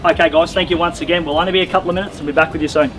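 High-voiced Australian male auctioneer over music. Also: steady tone, racing, fairly bright tone. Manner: formal, courteous patter with repeated figures. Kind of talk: live auction bid calling. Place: open-air wooden deck outdoors.

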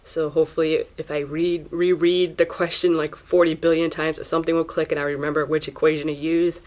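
A woman's voice: low-pitched, flat delivery, fairly quick, a little mellow. A young woman vlogging casually from her dorm room, chatty and self-deprecating, laughing often, filmed on a phone at arm's length. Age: young adult. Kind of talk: casual vlog chat. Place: small dorm room indoors. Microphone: phone camera at arm's length.

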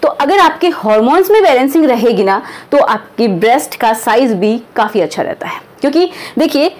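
Woman, higher-pitched voice, chatty product presenter who keeps checking in with viewers. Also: expressive, moderate pace, darkish tone. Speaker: product presenter and health adviser. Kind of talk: conversational promotional explainer.

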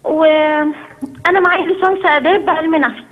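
A woman's voice: high voice, a little fast, phone-quality sound. A young Egyptian woman with an Egyptian Arabic accent, calling in politely to ask for advice. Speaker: caller. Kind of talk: phone-in call.

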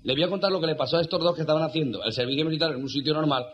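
A man telling joke after joke in a quick, raised voice. His storytelling is rapid and animated, and the recording is dull and lo-fi. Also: a little high, noisy background. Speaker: joke teller. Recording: dull lo-fi sound.

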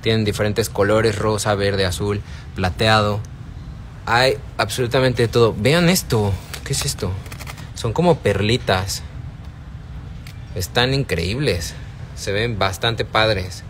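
A man's voice: lowish voice, slow, fairly bright tone, a little hiss or hum. A man with a Mexican accent hosting a casual live stream from a shop, talking to viewers by name and answering their chat. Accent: Mexican Spanish. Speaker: live-stream shopping host. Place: indoors in a wholesale shop. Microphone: phone held at arm's length.

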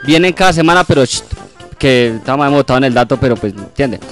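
A man's voice: medium pitch, expressive, fast, fairly bright tone, faint music behind. Gossipy Colombian man telling jokes. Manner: gossipy, conspiratorial storytelling. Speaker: comedian. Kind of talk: live joke-telling.

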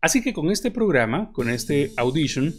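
A man's voice: fairly high pitch, big pitch swings, normal speed, faint music behind. Man patiently explaining audio editing. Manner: patient, with frequent hesitant fillers. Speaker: podcast editing tutor. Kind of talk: explanatory tutorial. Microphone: studio podcast microphone.

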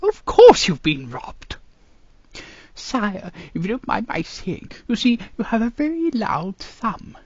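A woman's voice: medium pitch, very animated, slow, darkish tone, husky, dry recording, lo-fi sound, heavily acted. A woman doing a cartoon impression of a fussy, fawning male snake advisor with a hissing, sibilant, pompous delivery. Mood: conspiratorial.

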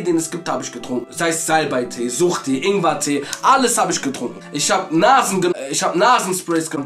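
A young man in his twenties, telling a funny story in a casual, slangy way and switching between loud bursts and quiet asides. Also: a little high. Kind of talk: comedic storytelling. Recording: background music.

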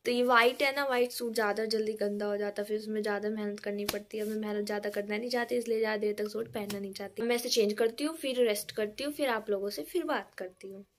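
A young woman vlogging casually at home with her family, chatty and quick to laugh as she talks to her viewers. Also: mid-range voice, fairly even intonation, a little hiss or hum. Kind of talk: casual home vlog chat.

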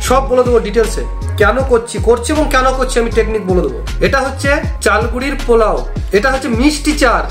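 Fast-talking young man, earnest bait tutorial. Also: very high-pitched. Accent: West Bengal Bengali. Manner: repetitive, earnest instructional talk. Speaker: fishing channel host. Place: small indoor room. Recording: echoey room with background music.

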